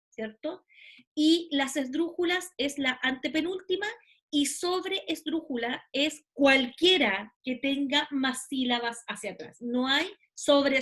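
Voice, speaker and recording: A middle-aged woman lecturer with a high voice, speaking in a recorded online class. She explains patiently, step by step, and often pauses to check that her listeners follow. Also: fairly bright tone. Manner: explanatory, with frequent checking tags. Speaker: university lecturer.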